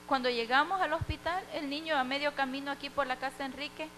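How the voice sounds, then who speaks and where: Woman, church testimony, bright high voice, faint hum behind her. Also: steady tone, fast, rough recording. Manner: heartfelt storytelling, acting out the dialogue. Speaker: church member giving testimony.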